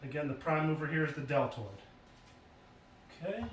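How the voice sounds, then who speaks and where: A man's voice: a little high, normal speed, a little hiss or hum. Man coaching exercises in an echoey basement. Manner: explains while demonstrating moves, casual and plain. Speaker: fitness instructor. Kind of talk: exercise demonstration lesson. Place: home basement. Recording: roomy echo from far off, faint ambience.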